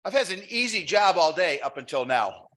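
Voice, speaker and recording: Bright-voiced man emceeing a conference. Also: high voice, very animated, normal speed. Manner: enthusiastic, praising. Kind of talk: stage hosting remarks.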